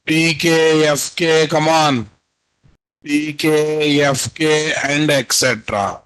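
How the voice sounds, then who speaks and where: Male online instructor, Telugu Indian accent, slightly high-pitched, slow dictation with repeats and prompts to the class. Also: steady tone, a bit bright, smooth. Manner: repeats phrases, prompts students with questions. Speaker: programming instructor. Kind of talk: live online lesson, dictating notes. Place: indoor room at a computer, video call.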